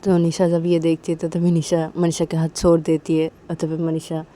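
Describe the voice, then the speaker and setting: A woman's voice: low-pitched, monotone, moderate pace, mellow. A woman narrating a romantic story casually, retelling each action plainly and repeating names often.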